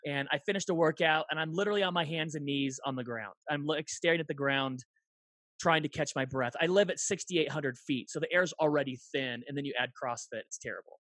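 A man's voice: on the high side, fairly quick, no room sound. A man in his forties, a guest in an interview, telling stories animatedly and acting out dialogue. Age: 40s. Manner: animated, acts out dialogue in lively voices. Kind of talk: conversational interview storytelling.

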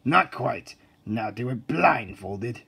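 A man voicing a stern, blustering drill-sergeant driving instructor in a commanding, military cartoon style, gravelly and husky. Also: mid-range voice, lively intonation, slow pace, bright, forceful tone, full character voice. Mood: scornful. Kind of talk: cartoon voice acting.

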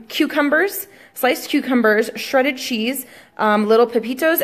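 A young fitness coach with a slightly high voice chats casually in her home kitchen, peppering her talk with ums. She calls her viewers "guys" in this relaxed tutorial vlog, shot on a phone held at arm's length.

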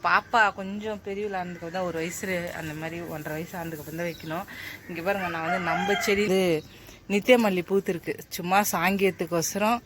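A woman's voice: fairly low pitch, a bit bright. A young woman chatting casually with her viewers as she vlogs around a village home and street. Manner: chatty, addresses viewers as friends. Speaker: vlogger. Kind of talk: casual vlog narration. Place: outdoors at a village house and street. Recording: noisy outdoor phone recording.

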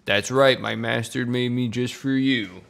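A man voicing a talking magic doll in a horror game, a friendly but faintly creepy companion with a coaxing, deliberate manner. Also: medium pitch, fairly even intonation, vocal fry, a bit bright. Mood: reassuring.

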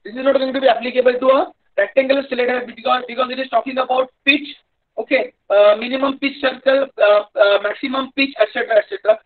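North indian guy teaching engineering online, talks quick, repeats himself, thin phone-like sound. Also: extremely high pitch, steady tone. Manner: hesitant, repetitive, explanatory. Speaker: engineering lecturer. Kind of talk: live online lecture. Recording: dull lo-fi online-class audio.

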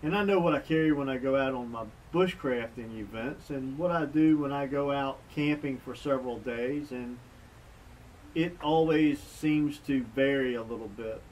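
A man's voice: mid-range voice, normal speed, a little hiss or hum. Middle-aged man chatting from a porch. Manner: relaxed, folksy, plain-spoken. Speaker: bushcraft channel host. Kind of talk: casual sit-down vlog chat. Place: outdoor front porch. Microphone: camera mic from a few feet away. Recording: distant mic, faint outdoor ambience.

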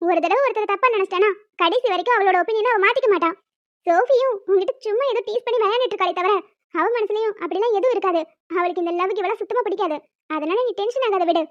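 A woman's voice: very high-pitched, no echo, muffled recording. A woman voice artist talking in a chatty, persuasive way as a young girl in a cartoon. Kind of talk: cartoon voice acting.

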